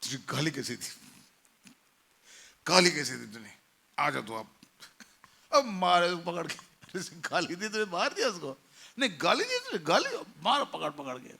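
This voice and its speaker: A man's voice: on the high side, bright, forceful tone. A male pastor preaching a sermon, leading the congregation in repeating phrases. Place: church.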